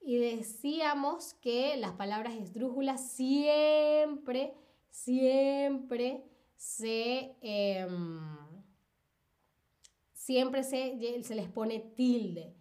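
A woman's voice: high-pitched, drawn-out words, warm tone. A woman teaching a live-streamed spelling lesson, patient, repeating examples and checking in with the viewers.

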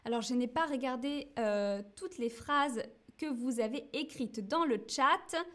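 A woman teaching French on a live stream, speaking slowly and clearly, checking in often and reading viewers' chat messages aloud. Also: high voice, fairly bright tone. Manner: slow, clear, patient teaching with frequent checks. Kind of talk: live-streamed language lesson.

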